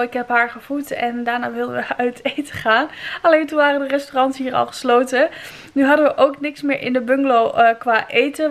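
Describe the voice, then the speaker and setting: Een jonge vrouw met een Nederlands accent die ontspannen en babbelend vlogt, met veel aarzelingen. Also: female voice, on the high side. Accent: Dutch. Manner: relaxed, chatty, many filler sounds. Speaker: vlogger, new mother. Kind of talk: casual vlog chat.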